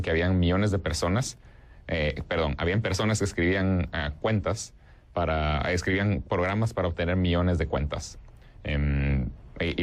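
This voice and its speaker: A young man from Guatemala, answering interview questions in a hesitant way, with many fillers and restarts. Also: deep voice. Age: young adult. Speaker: interview guest.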